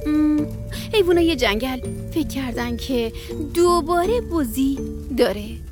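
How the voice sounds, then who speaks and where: A woman storyteller narrating a children's bedtime story on radio, gentle and expressive. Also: high voice, music in the background.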